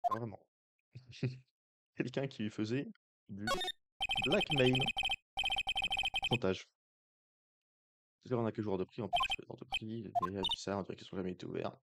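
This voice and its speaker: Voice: medium pitch, fairly even intonation, normal speed, pauses often, heavy background noise. A let's-play commentator giving casual, joking gameplay commentary full of slang and swearing. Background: loud game music.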